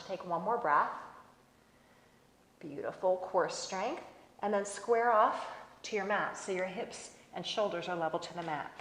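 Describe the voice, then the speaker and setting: A woman teaching a slow-flow yoga class, giving calm, encouraging cues and laughing off small mishaps. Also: medium pitch. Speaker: yoga instructor. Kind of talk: guided yoga class instruction. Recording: echoey room with long reverb.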